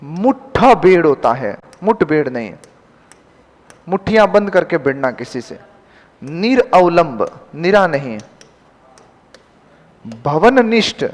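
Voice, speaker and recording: A man teaching a Hindi grammar class, dictating spelling corrections word by word and quizzing his students, whom he calls "beta". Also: high voice. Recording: long reverb in a classroom.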